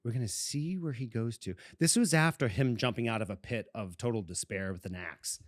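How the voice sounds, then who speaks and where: A man's voice: mid-range voice, fairly quick, no echo, clean studio sound. A man co-hosting a podcast, telling a childhood story casually and breaking into fits of giggling. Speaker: podcast co-host.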